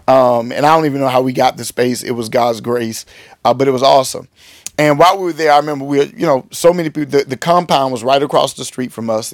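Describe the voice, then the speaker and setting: A man, a pastor and podcast host, telling a story from his church in an animated, joking way. He often restarts his words and jumps up high when he acts surprised. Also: dry recording, clean studio sound. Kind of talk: casual storytelling monologue.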